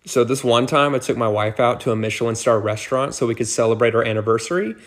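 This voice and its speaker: A married man telling a comic story in a brisk, deadpan way, acting out the quoted lines. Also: medium pitch.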